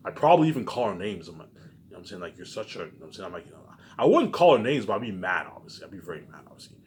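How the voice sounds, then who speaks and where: Talking rapid-fire in a lowish, sing-song voice, a man vlogs to his audience in a loose, repetitive ramble. Swearing is constant, and his loud emphatic bursts dwindle into mumbled tags against a clearly noisy backdrop.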